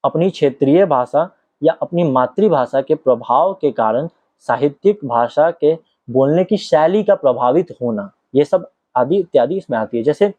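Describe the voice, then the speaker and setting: A man's voice: fairly high pitch, animated, moderate pace, mellow, no room sound. A man from Bihar, reading an acting book aloud and explaining it in casual asides as a teacher. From Bihar, India. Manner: switches between careful reading and casual asides, often asks "ठीक है?". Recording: dull lo-fi, dry sound.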